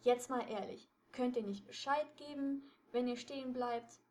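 A woman's voice: a little high, moderate pace, a little mellow, lightly acted. A woman voicing a nervous, easily annoyed teenage boy detective who complains and frets. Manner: complaining, fretful.

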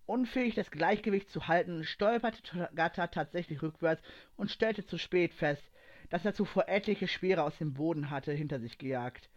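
A man reading a story aloud in an even, steady storytelling manner. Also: fairly high pitch. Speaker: narrator. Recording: dull lo-fi recording.

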